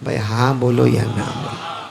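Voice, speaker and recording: A man with a Pakistani Urdu accent preaching a storytelling sermon. He calls out to the crowd, often shouts, and laughs as he talks. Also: mid-range voice, level tone, gravelly. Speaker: Islamic preacher.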